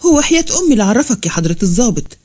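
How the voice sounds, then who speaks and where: A woman's voice: on the high side, very animated, racing. A woman voicing a fierce, hot-tempered young nurse who speaks sharply, with an Egyptian accent. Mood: indignant. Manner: sharp and indignant.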